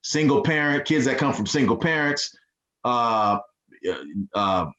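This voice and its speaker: A man speaking as a podcast guest in a relaxed, laid-back way, with lots of fillers. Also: medium pitch, measured pace. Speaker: guest, nonprofit founder. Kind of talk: casual interview chat. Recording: dull lo-fi sound.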